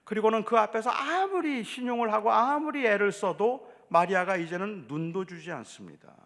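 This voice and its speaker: A man's voice: high-pitched, animated, normal speed, a bit bright. A male pastor preaching a sermon, telling the story vividly and acting out voices. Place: church. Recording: echoey church hall.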